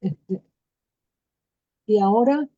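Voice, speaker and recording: An older woman in a group video call, speaking hesitantly with many fillers, her audio choppy and breaking up from a device running low on battery. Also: very slow, mellow, no echo, muffled recording. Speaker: participant in a group support session.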